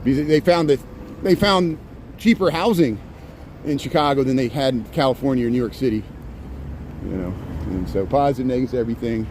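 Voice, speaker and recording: A man's voice: mid-range voice, fairly quick, darkish tone. Chatty man streaming on a noisy street. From Indiana, US Midwest. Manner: rambling and chatty, laughs often. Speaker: livestream host. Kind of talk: casual walking livestream chat. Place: outdoors on a busy city street. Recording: street traffic noise behind.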